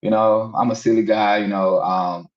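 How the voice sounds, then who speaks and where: A man's voice: lowish voice, steady tone, normal speed, echoey room, dull audio. A man from Haiti, a comedian on a panel, chatting casually and teasing with frequent laughs over a video call. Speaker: panelist, stand-up comic. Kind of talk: casual joking chat.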